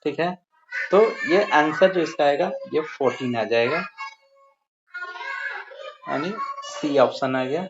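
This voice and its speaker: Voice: medium pitch, takes it slowly, pauses often. A maths teacher giving a step-by-step lesson, counting through each sum aloud and addressing the pupils as dear children. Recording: slightly muffled with faint hiss.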